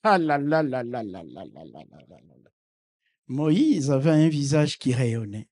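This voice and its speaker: A middle-aged bishop preaches a fervent sermon in a language that isn't his native one, and his first language isn't French. His mid-range voice is very animated yet measured in pace, calling out hallelujahs and swinging between quiet asides and loud proclamations.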